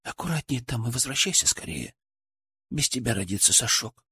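Male narrator voicing a soft young wife, gentle, raised husky voice, dry audiobook sound. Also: medium pitch, lively intonation, moderate pace, dry recording, full character voice. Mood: tender. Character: young pregnant wife, tender and teasing.

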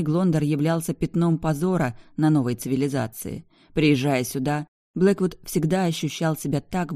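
Steady audiobook narration, dry sound. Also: mid-range voice, dry recording. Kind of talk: scripted narration.

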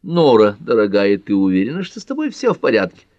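A man's voice: fairly low pitch, huge pitch swings, fairly quick, a little mellow, no room sound. A man putting on a fussing middle-aged mother. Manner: anxious, fussing questions. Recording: dull dry lo-fi audiobook.

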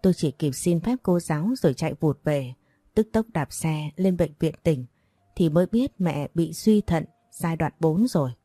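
Low-voiced woman narrating a sad story. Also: expressive, moderate pace, warm tone, no echo. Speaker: audiobook narrator. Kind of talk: scripted first-person story narration.

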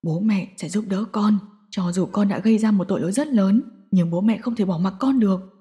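A woman's voice: mid-range voice, fast, dark tone, pitched below the performer's own voice, close to an everyday voice. A woman voicing a tearful older father in an audio story, pleading and choked up.

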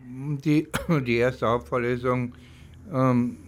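In an interview, an older former professor from East Germany recounts his life with a reflective, halting manner as he hunts for words. He speaks in a mid-range voice with fairly even intonation.

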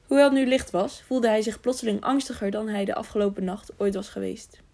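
A woman's voice: medium pitch, fairly even intonation, a little fast, creaky, a little mellow. A woman narrating an audiobook, stumbling now and then and correcting herself. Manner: frequent slips and self-corrections. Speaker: audiobook reader. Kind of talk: scripted narration.

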